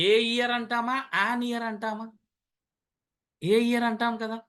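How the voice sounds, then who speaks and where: A man's voice: high-pitched, pushed and bright. A man, teaching an English grammar lesson, explaining step by step and repeating sounds.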